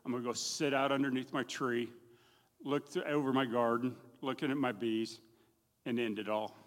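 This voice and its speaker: A middle-aged man shares a folksy, plain-spoken testimony in a church hall, recounting his story with self-deprecating humor. His voice is mid-range with fairly even intonation and a moderate pace, heard through the hall's long reverb.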